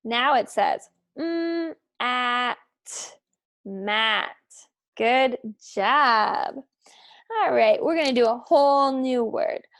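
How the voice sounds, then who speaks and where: A woman's voice: fairly high pitch, a bit bright. A young woman teacher leading a phonics lesson for young children, encouraging them and praising them often. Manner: slow, sing-song, encouraging with frequent praise.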